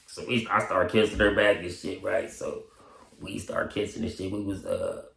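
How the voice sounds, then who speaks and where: Young man, raspy fry, laid-back slangy storyteller, roomy echo. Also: sits low, level tone, moderate pace, fairly bright tone, a little hiss or hum. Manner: slangy, laughs often, voices his past self. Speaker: storyteller vlogger. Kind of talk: casual storytelling. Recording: echoey room.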